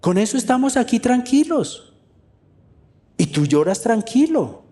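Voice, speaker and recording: A man's voice: extremely high pitch, very animated, a little slow, dark tone, long reverb tail. A male pastor delivering a sermon with emphatic preaching that repeats key phrases for effect.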